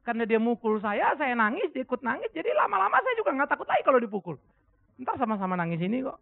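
Gravelly, high-pitched male preacher on a tinny recording. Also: fast, no echo. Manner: animated, emphatic storytelling preacher. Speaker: pastor. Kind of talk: sermon.

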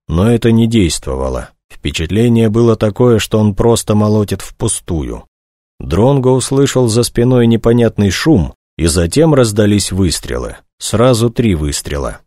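A man narrating an audiobook in a steady, measured reading. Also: sits low, no room sound, clean studio sound.

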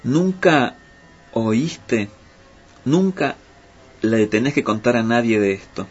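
A man's voice: fairly low pitch, little pitch movement, fairly quick, close to an everyday voice. A man voicing a vain, bossy female spider healer who scolds and gives orders. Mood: stern. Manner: scolding, commanding. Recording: muffled with faint music.

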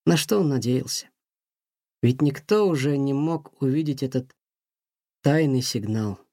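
Man narrating a fairy tale, mellow. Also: mid-range voice, dry recording, studio quality. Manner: calm, measured storytelling. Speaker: storyteller. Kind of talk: scripted narration of a children's tale.

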